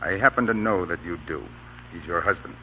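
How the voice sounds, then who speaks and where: In a 1930s-40s radio drama, a male actor with a low, brisk, near-everyday voice plays a Union army colonel who is commanding yet courteous, stern but kindly. He gives clipped military orders with gentle, gentlemanly authority, heard through a dull, noisy vintage broadcast.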